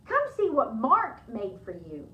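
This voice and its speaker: A woman reading the lines of a friendly woman librarian, glad and gently teasing. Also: fairly high pitch, wildly swooping pitch, a little slow. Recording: echoey room, dull sound.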